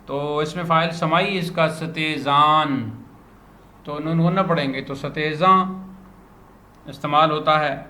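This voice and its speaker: A man teaching a grammar lesson to a student, patiently repeating words slowly as a drill. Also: a little high, steady tone, sharp tone. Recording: roomy echo, faint background noise.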